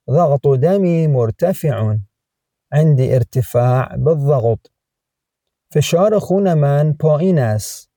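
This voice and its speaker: A man, reading phrasebook lines one by one in a slow, measured lesson style. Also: a little high, dark tone, dry recording, clean studio sound. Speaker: language teacher.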